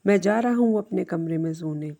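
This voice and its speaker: A woman's voice: fairly low pitch, normal speed, gravelly, warm tone. Woman voicing an impatient grown son. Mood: irritated. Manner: irritable, complaining.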